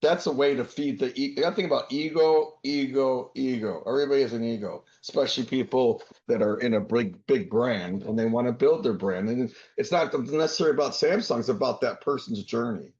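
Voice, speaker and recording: A man hosting a business roundtable, giving tips in a quick conversational coaching tone over a video call. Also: medium pitch, darkish tone. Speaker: host. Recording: roomy, dull video call audio.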